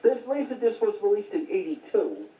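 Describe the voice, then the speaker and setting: This woman collects home videos and casually presents her recent finds, rambling in a matter-of-fact, unscripted way. She talks fairly quickly at a medium pitch with big pitch swings, picked up by a distant mic that sounds tinny, phone-like and echoey.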